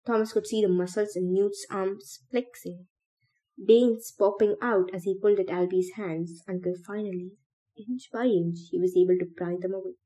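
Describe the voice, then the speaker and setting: A woman reading a novel aloud for a podcast in a steady, measured way. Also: mid-range voice. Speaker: podcast reader.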